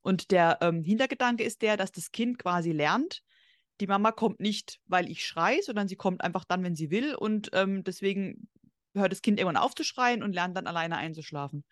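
A woman guest on a podcast, an expert on babies, explaining in a calm, matter-of-fact way with some hesitations. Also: medium pitch, normal speed, no echo, studio quality. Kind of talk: casual podcast interview.

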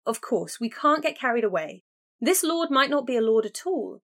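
Reading an audiobook, a woman voices an eager young woman who urgently begs her sister to take a chance. She pitches a little above her own voice in a sing-song lilt at normal speed, sounding bright, urgent and persuasive.

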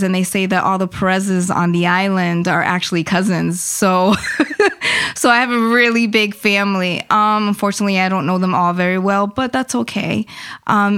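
A woman's voice: medium pitch, fairly bright tone, clear, resonant tone. A middle-aged woman from Puerto Rico, a poet guest, talking candidly and nervously with many fillers in an interview. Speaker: guest, poet and event founder.

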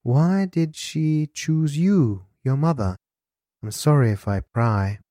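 A man voicing a gentle, wistful young woman with a soft, probing way of speaking. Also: a little high, takes it slowly, dry recording, studio quality, pitched above the performer's own voice. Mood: teasing, gentle. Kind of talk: audiobook character voice.

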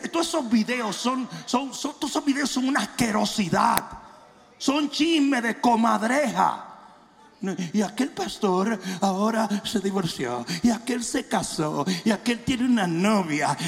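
Pastor guy preaching loud, high gravelly voice, big church hall echo. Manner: challenging, confrontational preaching with humor; shouts for emphasis, slows on key phrases. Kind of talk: sermon. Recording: long hall reverb.

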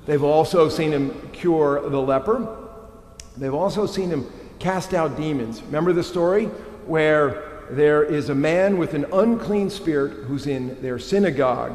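A middle-aged man preaching a sermon as a pastor, animated and tossing in rhetorical questions. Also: on the high side, a little slow. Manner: animated, frequent rhetorical "right?". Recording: echoey hall with long reverb.

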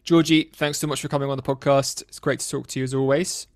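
A British man with a nasal voice, hosting a political podcast in an earnest, serious and somewhat halting way. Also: mid-range voice, little pitch movement, no room sound, clean studio sound. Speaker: podcast host interviewing a colleague. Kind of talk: conversational political podcast interview.

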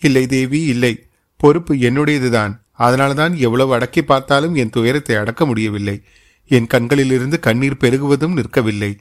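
A man's voice: medium pitch, moderate pace, lightly acted. A man voicing a guilt-ridden young noblewoman, pleading in distress. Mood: anguished.

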